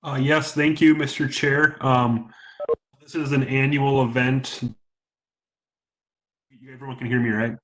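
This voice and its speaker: A man's voice: mid-range voice, little pitch movement, a little slow, pauses often, fairly bright tone, rough recording. A male city engineer giving a matter-of-fact staff report over a remote video call whose audio is choppy and keeps breaking up. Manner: matter-of-fact, hesitant with fillers. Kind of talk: staff report at a council meeting.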